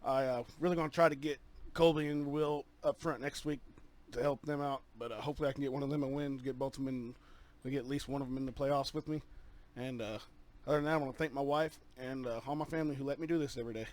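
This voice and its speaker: Halting man on a voice-chat headset. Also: medium pitch, fairly even intonation, darkish tone. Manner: halting, filler-heavy, earnest. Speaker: sim racing driver. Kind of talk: post-race victory interview.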